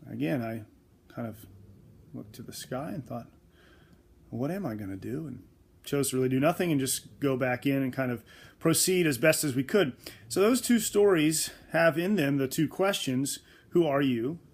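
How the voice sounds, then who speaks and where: A young adult man, a teacher, telling reflective personal stories in a measured, thoughtful way with filler pauses. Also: mid-range voice. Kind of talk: reflective spoken storytelling.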